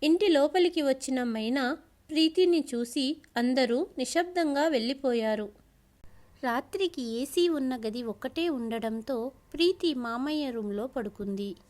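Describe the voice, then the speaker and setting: A woman narrating a family story in a steady, plain reading voice. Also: high-pitched, measured pace.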